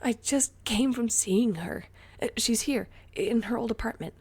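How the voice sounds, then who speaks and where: Woman doing a loud excitable teen boy, raised pitch, gravelly edge, husky tone, storybook. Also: moderate pace, close to an everyday voice. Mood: excited, insistent. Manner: loud, breathless and emphatic. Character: excitable teenage boy borrower, eager and defiant.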